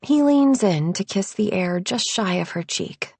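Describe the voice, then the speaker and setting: A woman narrating an audiobook in first person, reading at a measured, even pace. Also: mid-range voice, husky, no room sound.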